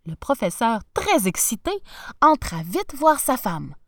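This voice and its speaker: Woman, storybook narration, expressive animated reading, fairly high voice, dry close sound. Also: a little slow, dry recording.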